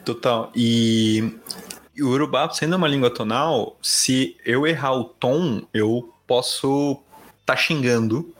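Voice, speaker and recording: A man's voice: mid-range voice, takes it slowly. Reflective Paulistano man explaining patiently. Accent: Paulistano Brazilian Portuguese. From São Paulo, Brazil. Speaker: podcast guest. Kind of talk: conversational interview.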